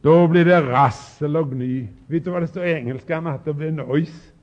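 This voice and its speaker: Male preacher, high voice, emphatic sermon delivery, addresses the congregation directly, muffled lo-fi tape. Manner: emphatic, shouts out scripture quotes. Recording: dull lo-fi recording.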